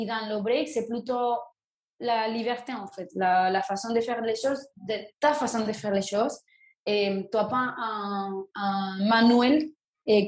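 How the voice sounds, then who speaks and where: A young woman from Venezuela, answering interview questions in a halting way, often restarting her sentences. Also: mid-range voice. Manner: halting, frequent restarts and fillers. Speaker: guest, breakdancer. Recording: roomy echo.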